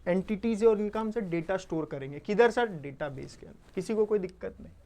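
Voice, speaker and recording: A man's voice: sits high, fairly quick, gravelly, mellow. A man teaching an online exam-prep lecture. He keeps asking and answering his own questions, checks in with the class often, and mixes Hindi with English definitions he reads aloud.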